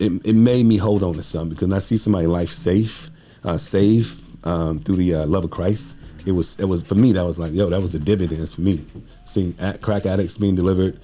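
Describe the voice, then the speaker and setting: This is a deep, mellow-voiced man in his forties, a playwright and producer appearing as a podcast guest. He tells stories casually and earnestly in informal, street-inflected speech.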